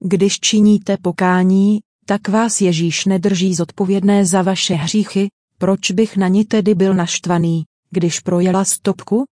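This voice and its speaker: A woman's voice: medium pitch, steady tone, darkish tone, no echo, clean studio sound. A woman giving a dubbed sermon voice-over in an earnest, direct preaching manner.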